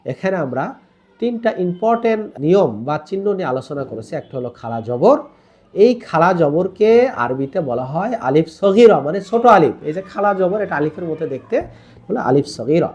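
A man's voice: high voice, very animated, brisk, a little mellow, muffled recording. A man teaching tajweed, patiently explaining rules and demonstrating Arabic pronunciation by drawing out the vowels, with English words mixed in. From Bangladesh. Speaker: online Quran teacher.

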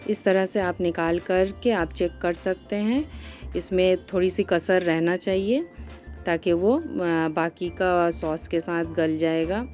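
Woman, cooking-channel host; low, warm voice-over, calm and instructional, faint music behind. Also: slow. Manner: calm step-by-step instruction with hesitations.

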